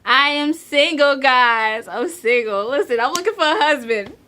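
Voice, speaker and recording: Young woman, Central Jersey accent, bright voice, a bit high, playful and chatty, laughs a lot. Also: animated, moderate pace, slight background noise. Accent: Central New Jersey. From New Jersey. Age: 20s. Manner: chatty and playful, laughs often, many ums; says she is shy. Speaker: vlogger. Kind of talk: casual chat answering tag questions.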